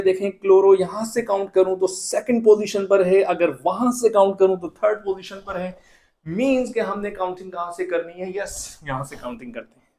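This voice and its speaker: A man's voice: sits high, darkish tone. Guy teaching chem, asks stuff then answers it himself. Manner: asks questions and answers them himself, repeats key rules. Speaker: chemistry teacher. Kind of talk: classroom lecture.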